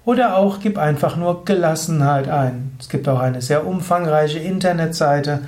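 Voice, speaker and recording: A man, a yoga teacher and author, giving a calm spoken teaching talk that speaks straight to the listener and acts out example inner voices. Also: fairly high pitch, moderate pace. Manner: calm, explanatory.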